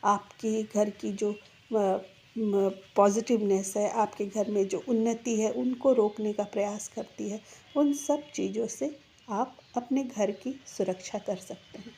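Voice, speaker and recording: A middle-aged woman, hosting her own channel and giving measured, persuasive advice straight to her viewers, whom she calls friends. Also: mid-range voice, steady tone, dark tone. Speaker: channel host. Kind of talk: slow earnest advice to viewers.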